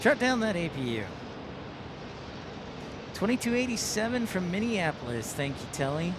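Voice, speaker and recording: A man's voice: high voice, very animated, moderate pace. A man hosting a plane-spotting livestream with casual, chatty commentary. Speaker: livestream host. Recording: outdoor airport livestream with background noise.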